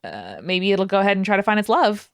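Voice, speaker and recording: A woman's voice: medium pitch, very animated, quick pace, creaky, no room sound. A woman co-hosting a podcast, reacting in a wry, playful way with hesitant fillers. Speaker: podcast co-host. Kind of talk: casual podcast chat.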